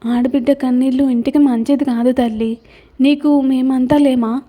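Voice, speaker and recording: A woman doing an affectionate old grandmother in an audio story, coaxing and soothing as she comforts. The voice sits high but has a mellow, dark tone. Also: steady tone, normal speed. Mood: consoling. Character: loving elderly grandmother, comforting and tender.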